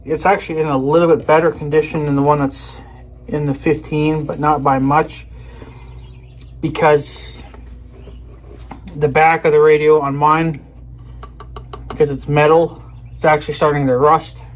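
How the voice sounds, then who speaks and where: A man, the creator of the video, rambles casually to viewers as he unboxes an item, often leaving sentences unfinished. He speaks unhurriedly in a high, flat voice and pauses often. Background noise is clearly heard.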